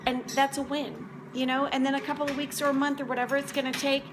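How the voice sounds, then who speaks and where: Over music, a high-pitched woman in her forties talks fast in a level tone to her viewers. A motivational vlog host and food prep coach, she rambles in a casual, conversational chat to camera.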